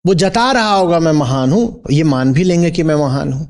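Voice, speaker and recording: A man's voice: on the high side, lively intonation, fairly quick. A man teaching as a spiritual teacher in a discourse, posing rhetorical questions and checking in with his listeners.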